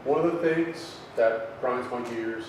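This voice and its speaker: A man's voice: medium pitch, unhurried. Rambling, profane man in his forties. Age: 40s. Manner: rambling, swears constantly, trails off with fillers. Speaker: open mic comedian guest. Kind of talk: profane comic rant. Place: record store. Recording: very echoey room, mic far off, faint noise.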